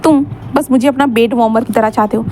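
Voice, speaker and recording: A woman's voice: fairly high pitch, fairly even intonation, quick pace, dark tone, a little hiss or hum, close to an everyday voice. A woman voicing a wounded, defiant young man who snaps back in scornful retorts. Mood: bitter, scornful.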